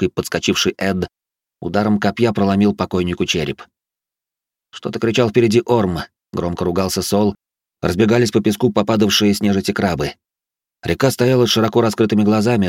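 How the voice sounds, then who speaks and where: Deep male narrator, measured fantasy audiobook reading, dry booth. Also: a little mellow, dry recording.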